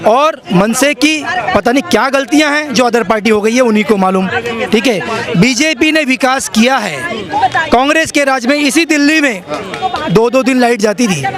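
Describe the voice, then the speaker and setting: A man from Maharashtra speaks in a very high voice, driving each point home with emphatic repetition. He is answering questions in a street interview. A crowd murmurs loudly behind him outdoors.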